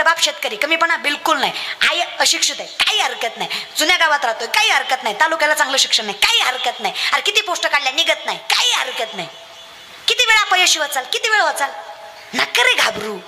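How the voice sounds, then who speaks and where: A woman's voice: high-pitched, pushed and bright, slight background noise. A young woman preaching a rousing kirtan sermon, calling out to the crowd and acting out voices in her stories. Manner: fiery, rousing, addresses crowd directly, acts out funny voices in stories. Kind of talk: devotional kirtan sermon with storytelling.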